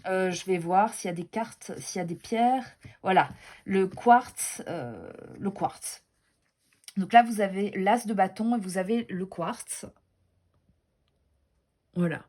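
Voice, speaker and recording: A woman's voice: medium pitch, slow pace, long pauses, a little mellow. A woman chatting casually as she shows tarot and oracle decks, gushing and self-deprecating, with many fillers and restarts. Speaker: tarot and oracle deck reviewer. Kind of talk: casual show-and-tell chat.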